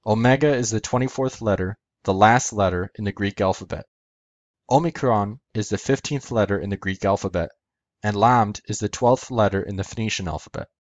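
A man's voice: on the low side, brisk, no room sound, highs cut off. A man hosting an educational video, narrating a methodical scripted explanation step by step.

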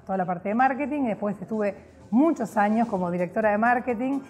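A middle-aged Argentine woman, a PR professional appearing as a guest, talks to camera about her career from a hotel lobby. She speaks fairly quickly in a medium-pitched, slightly mellow voice, and her Argentine Spanish is cheerful, chatty and full of fillers.

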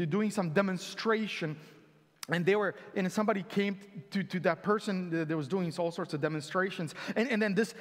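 A male pastor preaching a sermon, animated and acting out quotes with sudden loud exclamations, recorded in a church sanctuary. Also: high voice. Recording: church hall reverb.

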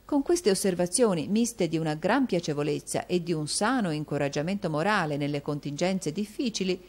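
A woman narrating a classic novel as an audiobook in a measured, even reading manner. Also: fairly low pitch.

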